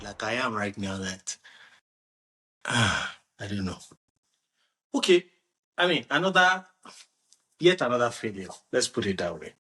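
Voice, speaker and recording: A man hosting a casual football discussion, animated and restarting his sentences often. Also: lowish voice, measured pace, long pauses. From Nigeria. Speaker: podcast host.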